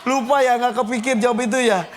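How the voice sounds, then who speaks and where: A middle-aged man hosting a TV game show in a studio, playful and teasing with the players and shouting out the results. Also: extremely high pitch, fairly even intonation, fast, very noisy. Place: television studio with live audience. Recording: studio audience and backing music.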